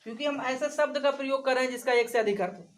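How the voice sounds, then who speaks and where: A woman's voice: high-pitched, fast, slight background noise, low-quality recording. A woman teaching a grammar lesson for exam preparation, repeating examples and questioning her class.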